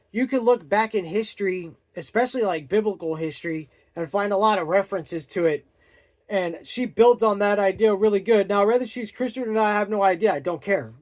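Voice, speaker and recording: Rambling, higher-voiced man reviewing a book. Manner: rambling, searches for words, many fillers. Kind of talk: casual book review vlog.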